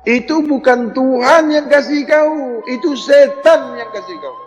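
A man preaching to a live audience, scolding them with rapid-fire rhetorical questions. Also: very high voice. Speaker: religious teacher. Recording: reverberant hall, dull lo-fi sound, faint music.

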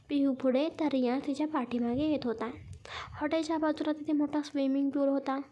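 A woman telling a romantic story in steady narration. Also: sits high, gravelly.

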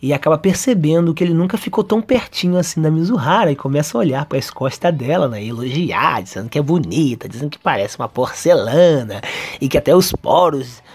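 A man, an anime and manga reviewer, recapping a chapter in an excitable way and laughing often. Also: a little high, fairly quick, husky.

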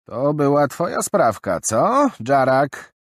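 A man's voice: medium pitch, big pitch swings, slow pace, no room sound, studio quality, voice pushed up. A man voicing an older gray-haired woman merchant who pronounces judgment sternly. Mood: stern, accusing. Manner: stern, commanding.

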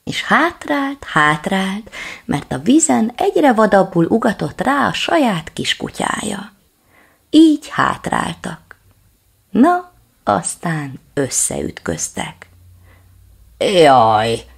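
A woman reading a children's story aloud, in a lively, expressive manner, with a husky, gravelly voice. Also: mid-range voice. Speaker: audiobook reader. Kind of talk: storybook narration.

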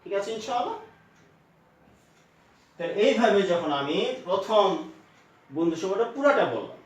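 High-pitched male teacher with a Bangladeshi Bengali accent, patient and questioning, in a very echoey room. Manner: patient, spells out sounds slowly and asks rhetorical questions. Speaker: Quran reading teacher. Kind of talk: spoken lesson on Arabic letters. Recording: very echoey room, voice far from mic.

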